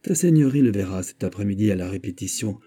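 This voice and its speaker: A man with a husky voice voicing a frightened seventeen-year-old peasant girl who pleads with tension in her voice. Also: lowish voice, lively intonation, fast talker, mellow. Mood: guarded. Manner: pleading, tense, shaken.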